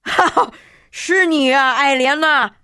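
A woman voicing a polite, warm middle-aged glassblower father in a children's radio story. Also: mid-range voice, sing-song, measured pace, no echo, clean studio sound, pitched below the performer's own voice. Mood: delighted. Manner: kindly, chuckling.

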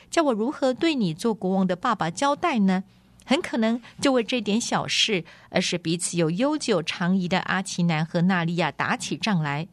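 A woman voicing a gentle young queen who pleads and reproaches in a quick, high voice, in a radio audiobook reading. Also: dry recording, close to an everyday voice. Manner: quick, high-pitched, imploring.

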